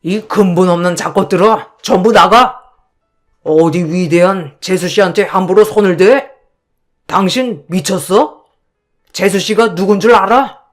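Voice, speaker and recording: A woman's voice: on the low side, unhurried, soft background music. A woman voicing a scolding, commanding brother-in-law. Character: blustering middle-aged man, elder brother-in-law.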